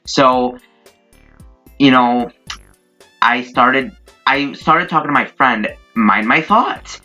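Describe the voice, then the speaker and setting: A young adult YouTuber tells a casual, rambling story in an informal, mildly profane way. His mid-range voice is slow, bright and forceful, captured on a dull lo-fi mic with background music.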